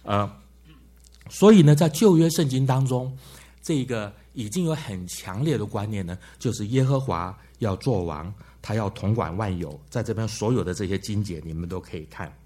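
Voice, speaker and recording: Brief: male Bible teacher, somewhat low and husky, lecturing a class with many questions. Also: normal speed, warm tone. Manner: frequent "ha" tag words and questions to the class.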